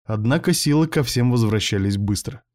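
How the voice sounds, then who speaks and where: A man reading a first-person audiobook with steady, even storytelling. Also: mid-range voice, normal speed. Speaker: audiobook narrator.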